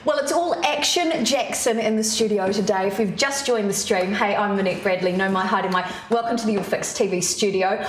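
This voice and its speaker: A woman's voice: medium pitch, brisk, few pauses. Bubbly New woman hosting. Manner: bubbly, enthusiastic. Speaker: host. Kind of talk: live studio chat show. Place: studio. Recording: echoey studio, faint noise.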